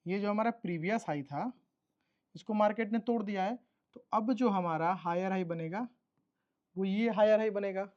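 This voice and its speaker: A man teaches a trading course, walking through a chart one step at a time, repeating key terms and making sure his audience understands. He speaks at normal speed in a high-pitched, slightly mellow voice, and the recording's highs are cut off.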